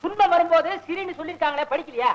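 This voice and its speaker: An actor playing a cheeky young son who teases his father with quick, mocking remarks. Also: very high voice, muffled recording. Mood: teasing. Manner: teasing, quick, mocking with laughter. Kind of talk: 1960s film comedy acting.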